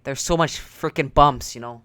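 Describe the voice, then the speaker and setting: A man's voice: medium pitch, moderate pace, sharp tone, no room sound, studio quality. A teenage boy telling a story on his vlog in a casual, rambling and sarcastic way with crude jokes. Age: teens. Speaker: YouTuber.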